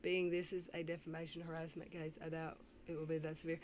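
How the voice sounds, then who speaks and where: A woman giving casual reaction commentary on a livestream, often clearing her throat and pausing to read comments. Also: low voice, monotone, darkish tone. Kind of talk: casual reaction commentary, reading live chat. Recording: faintly noisy livestream audio.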